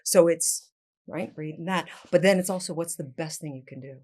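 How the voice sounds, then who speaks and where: Animated low-voiced woman, podcast guest. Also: moderate pace. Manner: animated, acts out little scenes. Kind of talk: casual podcast chat.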